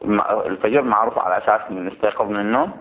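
A man's voice: on the low side, racing. A man teaching religious law to students. He explains a text, repeats his points and keeps checking whether they follow. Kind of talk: seminary lesson explaining a text. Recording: tinny phone-like recording.

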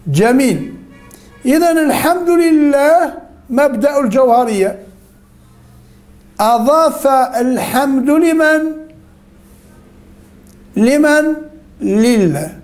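A male teacher leading an interactive class, firing questions at students, then praising or correcting their answers, and slowly repeating the key points. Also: very high-pitched, animated, darkish tone, faint music behind.

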